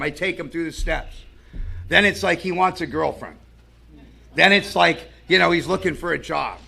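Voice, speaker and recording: High, gravelly-voiced recovery speaker. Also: male voice, sharp tone. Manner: earnest, storytelling, conversational. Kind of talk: personal recovery share with stories.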